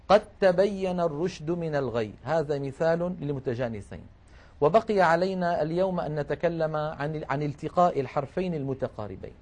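A man's voice: on the high side, darkish tone. A man teaching Quran rules with a raised voice. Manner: explains rules patiently, slows to recite examples. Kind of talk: tajweed lesson.

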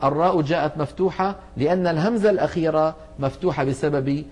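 A man's voice: on the high side, darkish tone. Methodical male recitation teacher. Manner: methodical, explanatory, slows to enunciate examples. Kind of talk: televised lesson.

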